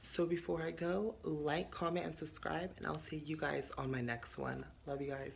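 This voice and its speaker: A man's voice: a little high, fairly even intonation, normal speed, creaky, a little hiss or hum. A man talking casually to camera in a vlog from his garage, sassy and rambling, with lots of fillers. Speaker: vlogger.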